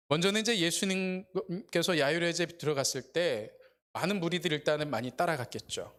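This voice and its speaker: A pastor preaching casually, somewhat high-pitched. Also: male voice, a bit bright. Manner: conversational preaching with many fillers. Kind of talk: sermon.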